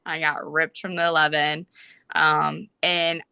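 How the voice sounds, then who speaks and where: Bright-voiced young woman telling a story. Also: deep voice, vocal fry, smooth, no echo. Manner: animated, fast storytelling with many "like"s. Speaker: podcast guest, soccer player. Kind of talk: casual storytelling.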